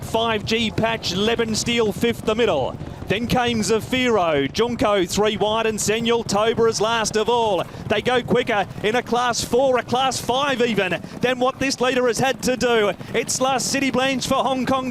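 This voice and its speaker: A man's voice: sits high, noisy background. A man working as a race caller, giving a live running commentary on horse racing.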